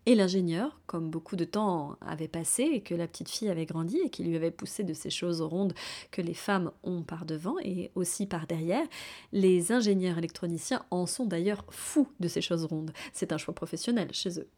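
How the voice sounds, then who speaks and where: A woman narrating a bawdy fairy tale in a lively, playful storytelling manner. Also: on the low side, normal speed.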